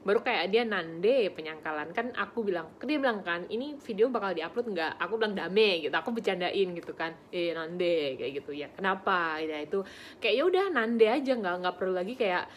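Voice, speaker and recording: A young woman giving a casual language lesson, explaining pronunciation in a chatty way, often laughing and slowing down to demonstrate words. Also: mid-range voice, lively intonation, slight background noise. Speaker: Japanese conversation teacher.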